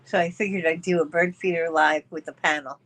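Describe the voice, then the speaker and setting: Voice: mid-range voice, fairly even intonation, brisk, low-quality recording. A live-stream host chatting casually and affectionately with panel guests, using endearments. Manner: warm, affectionate, uses endearments.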